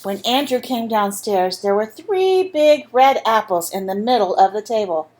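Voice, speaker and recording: A woman reading a picture book aloud to children in an animated, friendly way. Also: medium pitch, moderate pace, a little hiss or hum. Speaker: storyteller for children.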